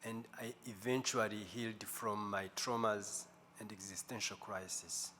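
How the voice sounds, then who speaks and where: Man, 50s, guest speaker; low, bright voice, slow measured delivery. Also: little pitch movement. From Rwanda. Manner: slow, deliberate, with pauses. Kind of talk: testimony talk at a church service. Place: large church sanctuary. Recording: echoey church hall, faint room noise.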